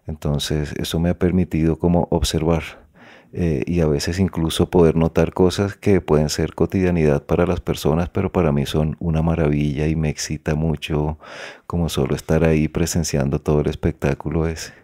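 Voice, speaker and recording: Very deep-voiced man, soft coastal Colombian accent. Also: level tone, moderate pace, no room sound, clean studio sound. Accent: faded Colombian Caribbean coastal. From Colombia, Caribbean coast. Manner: thoughtful, hesitant, many "eh" fillers. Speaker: guest author. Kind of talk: reflective interview conversation.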